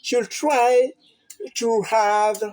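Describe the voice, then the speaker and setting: A woman, a native French speaker, hosting a health channel and talking to viewers in a halting way, often repeating and restarting words. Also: fairly high pitch, darkish tone. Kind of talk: informal talk to camera.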